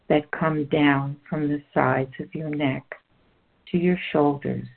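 A speaker reading a guided relaxation script in a slow, soothing, instructional way. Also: mid-range voice, creaky. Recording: tinny phone-like audio.

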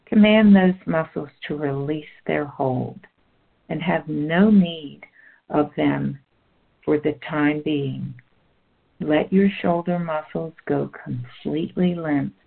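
A speaker reading a guided relaxation script in a slow, soothing, instructional way. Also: mid-range voice, gravelly, slightly rough. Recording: tinny phone-like audio.

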